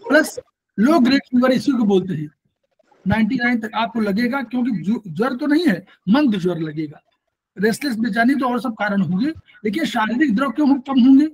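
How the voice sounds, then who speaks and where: A man's voice: extremely high pitch, expressive, moderate pace, poor audio. A man teaching a class, explaining patiently and repeating key points so students remember.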